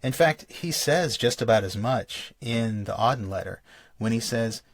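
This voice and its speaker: A man with a medium-pitched, lively voice speaks a little slowly in a clean studio recording with no room sound. Hosting a solo podcast, he explains things in a thoughtful, lecture-like way, reads quotations aloud, and often restarts his phrases.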